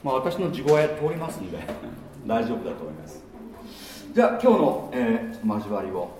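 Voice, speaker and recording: Animated man teaching in an echoey room. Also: mid-range voice, moderate pace, recorded from a distance. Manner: animated, chatty, many fillers and asides. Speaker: pastor teaching a church gathering. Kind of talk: casual sermon teaching from a whiteboard. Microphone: no microphone, speaking in natural voice.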